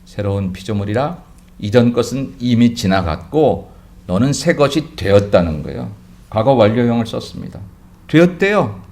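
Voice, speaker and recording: Man preaching a lively sermon. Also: on the low side, normal speed. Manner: dynamic preaching, swings between loud exclamations and quiet asides; rhetorical questions to the congregation. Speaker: pastor.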